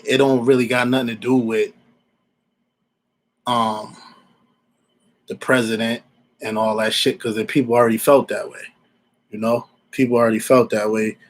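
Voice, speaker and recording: A man's voice: mid-range voice, level tone, unhurried, long pauses, rough recording. A man in his forties from Alabama giving casual, rambling opinions as a podcast host, repeating himself and using informal slang. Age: 40s.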